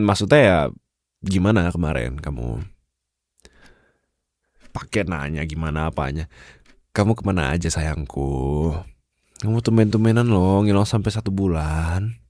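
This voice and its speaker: A young man speaking softly and intimately in a whispered role-play as a boyfriend, laughing often, close to the mic. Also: low voice, expressive, a little slow, long pauses, dry recording. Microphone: close condenser mic.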